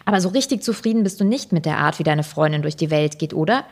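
A woman's voice: low-pitched, lively intonation, quick pace. Woman doing a talk-show hostess, probing, coaxing, storybook reading. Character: smooth probing female talk-show host.

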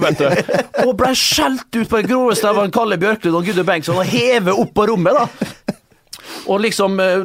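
A man, a former footballer, telling rambling anecdotes on a podcast with frequent laughs. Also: high voice.

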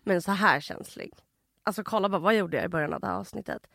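A young woman co-hosting a podcast, talking emotionally and laughing often, with quick swings between loud and quiet. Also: mid-range voice, gravelly, no room sound, clean studio sound. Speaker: podcast co-host. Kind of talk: casual chat.

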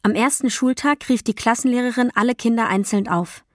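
A woman reading a first-person novel as an audiobook, in a calm, even storytelling voice with quiet dialogue voices. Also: a little high, a little fast, no echo, clean studio sound. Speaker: audiobook narrator. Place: dry recording booth. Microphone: close studio mic.

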